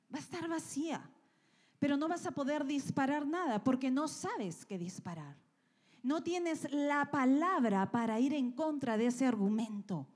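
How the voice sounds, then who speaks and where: A woman's voice: a little high, darkish tone, husky. A woman preaching a sermon to a congregation. She speaks with emphatic stresses, drops to near-whispers, and asks her listeners direct questions.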